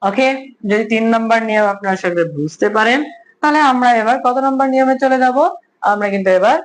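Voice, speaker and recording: Man teaching a slow, repetitive language class. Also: very high-pitched, slight background noise, poor audio. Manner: asks the class questions, then repeats each answer slowly. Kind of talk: online class lesson.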